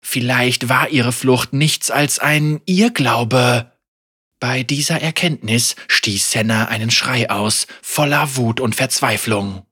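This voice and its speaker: A male audiobook narrator reading a grim fantasy tale at an unhurried, deliberate pace. His voice is bright and forward, with a husky grain running through it. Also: medium pitch. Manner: slow, measured and dramatic. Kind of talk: scripted story narration.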